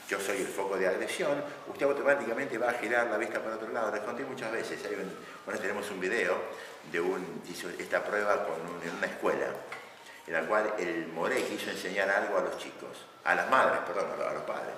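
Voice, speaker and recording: A man giving a lively lecture on couples' communication, acting out shouted examples. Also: fairly low pitch. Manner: animated, acts out shouting examples, laughs often. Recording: echoey hall, mic at a distance, audible noise.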